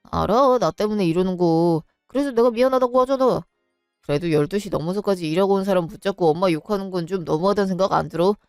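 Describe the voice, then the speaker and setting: A woman voicing a weary young husband in a storybook drama, talking in a lowered, pleading tone. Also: fast, a little mellow, clean tone, no room sound, clean studio sound, soft background music, close to an everyday voice. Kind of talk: storybook voice acting.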